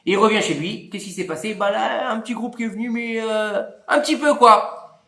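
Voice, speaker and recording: A man's voice: fairly quick, roomy sound. A man teaching a Torah class, telling a story and acting out its dialogue. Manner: animated, acts out dialogue with big pitch swings. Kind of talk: lively storytelling Torah lesson.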